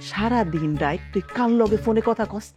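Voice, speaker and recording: A woman's voice: medium pitch, a little fast, music in the background, close to an everyday voice. An actress playing a suspicious mother who nags her son with questions in a Bangladeshi dialect. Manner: nagging, questioning.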